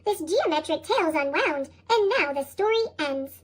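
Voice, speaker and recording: A storybook reader whose voice runs through a chipmunk effect, squeaky and sky-high. The reading hops up and down in a lively sing-song and bounces through rhyming verse. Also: moderate pace. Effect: sped-up, high chipmunk-style pitch shift. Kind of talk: reading picture books aloud.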